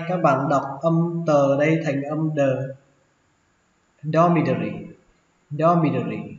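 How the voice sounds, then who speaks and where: A native Vietnamese man gives a patient vocabulary lesson, saying each word over and over at an unhurried pace. The recording is dull and lo-fi, with an echoey room and a long reverb tail. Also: fairly high pitch. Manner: patient, repeats each word several times. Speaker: English teacher. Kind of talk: slow vocabulary lesson with repeated pronunciations.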